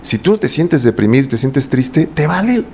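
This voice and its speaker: A man's voice: medium pitch, animated, normal speed, warm tone, slight background noise. A man with a Mexican accent, a voice coach talking at length in a casual interview and often asking rhetorical questions. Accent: Mexican Spanish. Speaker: voice coach guest.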